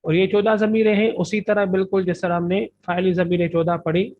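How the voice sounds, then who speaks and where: A man's voice: sits high, level tone, a little fast. A man with an Urdu accent teaching Arabic grammar, methodically drilling word lists with translations. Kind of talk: recorded classroom lecture. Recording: tinny phone-like lo-fi audio.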